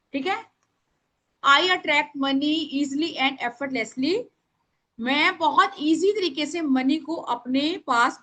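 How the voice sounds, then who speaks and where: A woman teaching a live online workshop over a video call, naming participants and dictating affirmations slowly for them to write down. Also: sits high, fairly bright tone.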